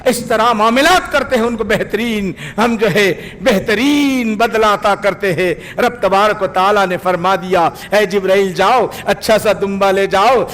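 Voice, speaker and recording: A man preaching a sermon in a mosque, telling a story with passion and often shouting at its peaks. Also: high-pitched. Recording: long hall reverb.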